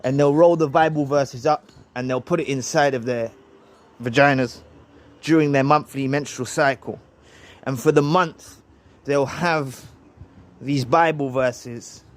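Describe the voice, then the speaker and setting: A man giving a heated, preachy commentary monologue. He repeats his phrases and ends his points with "right?". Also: mid-range voice. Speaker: vlogger responding to another video.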